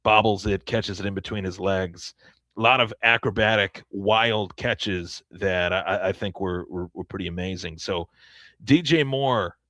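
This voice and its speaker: A man's voice: lowish voice, a bit bright, no room sound. A man hosting a solo sports podcast, giving enthusiastic, opinionated commentary and often repeating words as he restarts.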